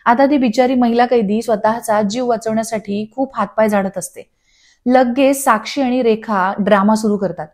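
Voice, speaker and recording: A woman narrating a scripted voice-over recap of a TV serial, telling the scenes in a steady storytelling way. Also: fairly high pitch, normal speed. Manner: steady storytelling, reading dialogue aloud. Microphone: studio voice-over.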